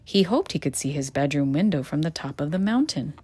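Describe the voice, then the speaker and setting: A woman reading a children's picture book aloud in a gentle, expressive storytelling manner. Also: low voice, a little fast, breathy edge. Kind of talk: children's read-aloud narration.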